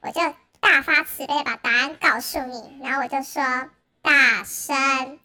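A wind instrument teacher with a Taiwanese Mandarin accent, telling a story in an animated, exasperated way through a pitch-shifting voice changer. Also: fairly quick. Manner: animated, dramatic, exasperated retelling. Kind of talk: storytelling podcast chat.

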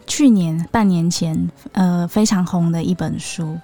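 A woman co-hosting a casual podcast chat, calm and matter-of-fact. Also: on the low side, unhurried. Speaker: podcast co-host.

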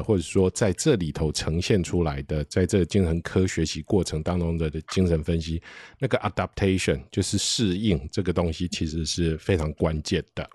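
Deep-voiced male host. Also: a little mellow, husky, no room sound, clean studio sound. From Taiwan. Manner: summarizing, with English terms mixed in. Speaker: podcast host and moderator. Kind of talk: online panel talk. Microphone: video call.

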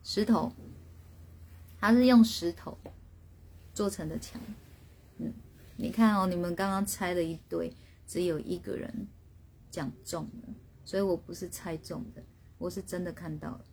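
A woman's voice: on the low side, fairly even intonation, moderate pace, long pauses, a little mellow, slight background noise. A woman, a spirit medium hosting a casual live stream, telling a story and reading out viewers' guesses with lots of laughter.

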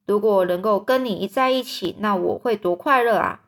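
A woman's voice: medium pitch, moderate pace, close to an everyday voice. A woman doing a pleading young girl. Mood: affectionate. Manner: pleading, tearful, childlike.

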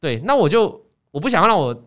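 Animated male host, rapid and expressive storyteller. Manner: animated, acts out quoted people with big pitch jumps. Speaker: podcast host. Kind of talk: casual storytelling chat.

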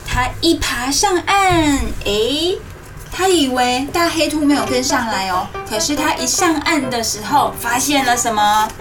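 A high female voice, slightly distant over music. She tells a story as if reading to a toddler, using simple, animated phrases. She keeps turning to her young listeners with coaxing questions. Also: a little slow. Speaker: host of a children's radio story programme. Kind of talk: interactive storytelling to young children, asking questions.

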